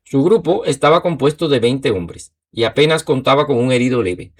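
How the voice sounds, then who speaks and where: A man narrating a history documentary in a measured, steady way. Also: mid-range voice.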